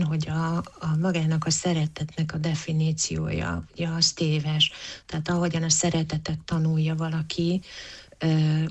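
A woman answering interview questions as a psychologist, thoughtful, with frequent hesitations and restarts. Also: sits low. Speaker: psychologist guest.

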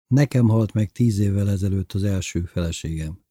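A man's voice: fairly low pitch, mellow, breathy edge, no room sound. A man voicing a wry widowed man, dry and rueful.

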